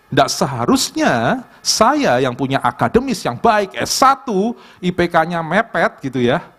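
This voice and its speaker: Male pastor with an East Javanese accent, chatty and animated youth sermon, voice sits a bit high. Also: a little slow, husky. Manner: animated, conversational, acts out dialogues. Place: church.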